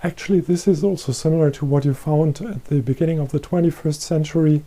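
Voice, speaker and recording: A middle-aged man giving a recorded presentation as head of a research chair, explaining calmly and repeating himself. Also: fairly high pitch, fast. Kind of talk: presentation lecture. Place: green-screen studio.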